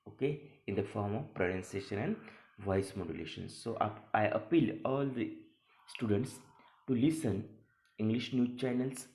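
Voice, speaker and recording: This is a mellow, medium-pitched male voice delivering an English lesson. Acting as a teacher, he reads an assignment aloud, explains it didactically and repeats key phrases, and the room sound is echoey.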